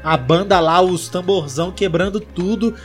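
A man's voice: sits high, normal speed, soft background music. A man with a Brazilian Portuguese accent, co-hosting a podcast in casual, slangy banter and laughing often. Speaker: podcast co-host.

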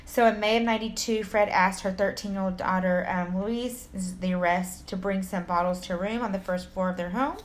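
Co-hosting a true crime podcast, a woman from Texas with an American accent reads a story casually, adding asides and occasionally stumbling. She speaks briskly in a steady, mid-range voice, hardly pausing.

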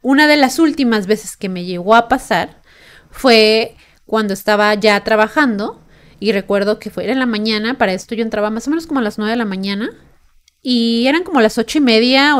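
A woman's voice: fairly high pitch, fairly quick. A young woman with a Mexican accent hosting a podcast, telling a personal story in a chatty way with lots of fillers and tag questions. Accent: Mexican Spanish. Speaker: podcast host.

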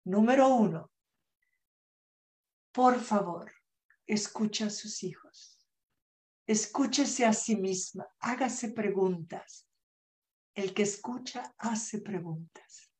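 A self-management coach appears as a woman guest in a podcast interview, her mid-range voice carrying a darkish tone. Earnest and measured, she performs her inner dialogue aloud, and English words pop up in her Spanish.

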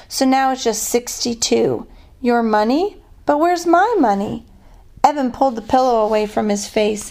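A woman reading a children's novel aloud as a guest reader, with expressive dialogue. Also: fairly high pitch.

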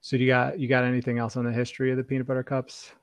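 A man's voice: medium pitch, monotone, racing, dry recording. A man in a casual chat, easygoing and rambling, often restarting his sentences. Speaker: podcast co-host.

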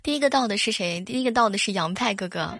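A woman's voice: medium pitch, lively intonation, quick pace, fairly bright tone. A woman hosting a live stream, bubbly and chatty, laughing often. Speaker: livestream host.

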